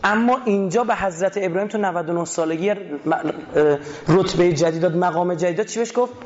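A man giving an animated religious lecture to an audience, stretching key words slowly and then racing through asides, urging listeners to pay attention. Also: high-pitched. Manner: animated, stretches key words, shifts between slow emphasis and rapid asides. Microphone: self-recorded. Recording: dull lo-fi recording with faint noise.

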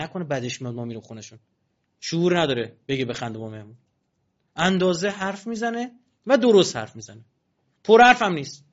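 Male preacher, colloquial and animated with mocking asides, slightly high voice, muffled lo-fi recording. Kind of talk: religious sermon. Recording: dull lo-fi recording.

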